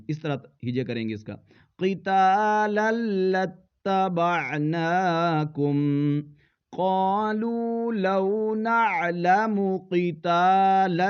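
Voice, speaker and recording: A man teaching Quran recitation in a fairly high, smooth and resonant voice. He spells each word out letter by letter, then chants it slowly and draws it out. The sound is dull and lo-fi. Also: a little mellow. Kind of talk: slow spelled-out recitation lesson.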